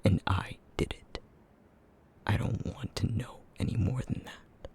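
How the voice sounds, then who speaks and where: The same essence-feeding creature, guilt-ridden and bitingly sarcastic, is lightly acted by a man in a slow, low, gravelly near-whisper. The breathy ASMR roleplay delivery now turns bitter and defensive.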